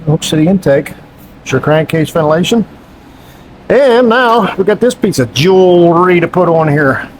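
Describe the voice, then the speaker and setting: Man, mechanic, folksy joking shop talk, slightly high voice, faint garage noise. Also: expressive, moderate pace, poor audio. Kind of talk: casual shop talk while working. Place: garage workshop.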